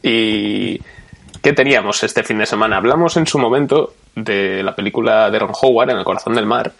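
A man hosting a film podcast, calmly introducing topics and asking his guests questions. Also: on the low side, vocal fry, breathy edge. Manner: leads with questions, measured. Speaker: podcast host.

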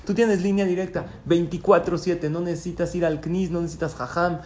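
A man, a rabbi, giving a sermon, teaching through questions and answers, now pleading loudly, now dropping to soft asides. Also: sits high, level tone, fairly quick.

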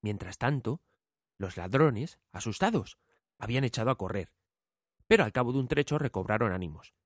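Male storyteller reading a fairy tale, lively pitch, dry close sound. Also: normal speed, dry recording. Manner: expressive.

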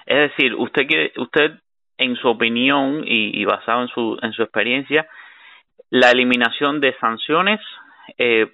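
A man's voice: mid-range voice, unhurried, slight background noise. A man interviewing a guest on the radio in a courteous, encouraging and conversational way. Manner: encouraging, courteous, formal address. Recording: phone-like narrow band radio sound.

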